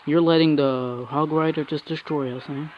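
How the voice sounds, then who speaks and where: Male gamer, angry ranting play-by-play, slightly higher-pitched, frequent swearing and restarts. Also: steady tone, normal speed, dull audio. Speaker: mobile game player. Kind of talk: angry gameplay commentary.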